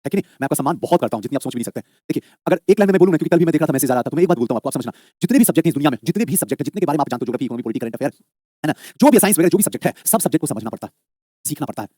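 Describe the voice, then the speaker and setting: Fast lively history teacher, man. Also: a little high, no room sound, clean studio sound. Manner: fast, lively, repeats questions and answers them himself; coaxing, calls students "babu". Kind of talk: live online exam-prep lecture.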